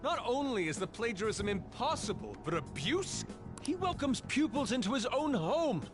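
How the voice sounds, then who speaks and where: Proud, theatrical young anime rival. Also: male voice, very high-pitched, sing-song, normal speed. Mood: indignant, defiant. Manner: formal, theatrical, indignant anime-rival delivery. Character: proud young male art student, fiercely loyal to his teacher. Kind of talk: English video game voice acting. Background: game music.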